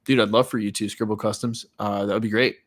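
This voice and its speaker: Hosting a live watch party, a man in his thirties talks quickly in a lowish voice with fairly even intonation, his nasal, stuffy tone a sign of a cold. The YouTuber stays loose and chatty, reading viewers' comments aloud and replying.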